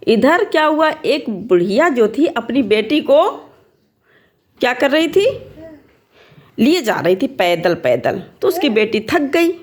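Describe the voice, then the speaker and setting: A woman telling a folk tale aloud to children, checking in with quick questions to her listeners. Her voice is fairly high. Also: sing-song. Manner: asks listeners questions as she tells. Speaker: storyteller.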